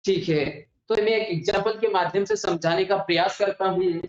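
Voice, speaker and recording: Teacher asking and answering himself. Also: male voice, sits high, steady tone, normal speed. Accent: Hindi heartland. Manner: asks questions and answers them himself; addresses students fondly. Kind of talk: exam-prep grammar lesson. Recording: dull echoey classroom audio.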